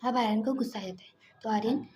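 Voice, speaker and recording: A woman narrating a romantic story in a casual, soft and often half-whispered way. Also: fairly high pitch, fast, a little hiss or hum.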